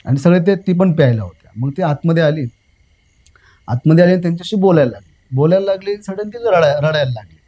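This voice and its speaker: A young man with a mellow, somewhat high, animated voice recounts a personal experience as a guest, in casual spoken storytelling. He rambles, repeats phrases, fills pauses with "uh" and calls the host sir. The recording is rough.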